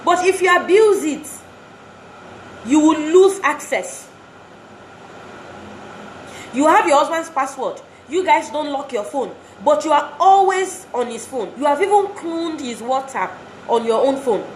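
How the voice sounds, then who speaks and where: A woman addresses wives with earnest motivation, exhorting them and repeating phrases to stress her points. Her voice is high and expressive, her delivery a little slow with long pauses. The audio carries a roomy echo and faint background noise.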